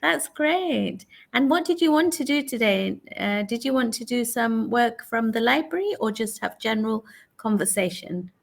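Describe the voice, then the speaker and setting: Speaking at a normal speed in a somewhat high, creaky, animated voice, a woman in her forties from England tutors English online. She patiently chats with a young learner and repeats the answers back during the conversation lesson.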